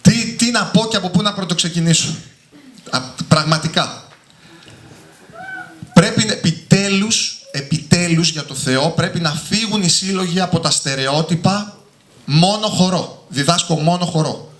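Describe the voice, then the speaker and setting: A man's voice: high-pitched, a bit bright. A man, an author and singer, giving an emphatic, passionate talk to a live audience at his book presentation. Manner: passionate, emphatic, often ending points with a tag word. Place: indoor hall with a live audience. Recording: echoey hall.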